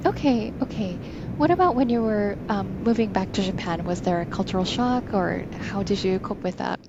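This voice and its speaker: A woman's voice: medium pitch, expressive, moderate pace. Polite woman host, dull noisy line. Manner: polite, encouraging, many fillers. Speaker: podcast host. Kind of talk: interviewing a guest.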